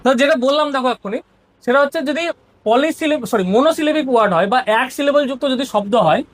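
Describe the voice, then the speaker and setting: Quick-paced and high-voiced, this woman teacher has a Bengali accent and goes through grammar step by step, often pausing to ask "ठिक" — rather, "ঠিক আছে?" — to check her students are with her.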